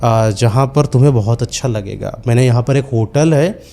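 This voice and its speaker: A man's voice: mid-range voice, moderate pace, creaky, mellow, lightly acted. A man voicing a cruel, scornful young man. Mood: coaxing. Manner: scornful, insulting.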